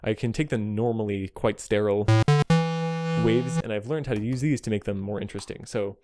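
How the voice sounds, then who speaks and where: Talking fairly quickly with fairly even intonation, a man in a lowish register gives a friend a loose synthesizer demo, keen yet self-deprecating about being just an amateur. Synthesizer tones sound in the background, and the microphone occasionally clips.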